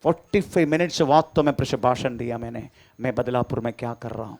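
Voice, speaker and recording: A male pastor preaches a sermon, dropping to low murmurs and rising to high shouted declarations, often saying "praise the Lord." He talks fast, with vocal fry.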